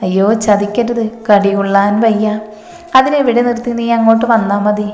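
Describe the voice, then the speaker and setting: A joking young fiancé, light and teasing, voiced by a woman narrator. The pitch is flat and even. It sounds like a large echoey room with long reverb. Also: moderate pace, natural voice. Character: young man, playful fiancé.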